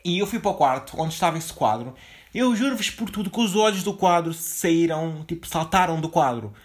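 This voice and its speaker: Young portuguese guy rambling on his podcast, lots of fillers, talks fast, kinda dizzy n tired. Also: fairly high pitch, expressive. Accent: European Portuguese. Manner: rambling, chatty, slangy with many fillers. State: dizzy and low on energy after waking up. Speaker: podcast host. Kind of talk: casual solo podcast monologue.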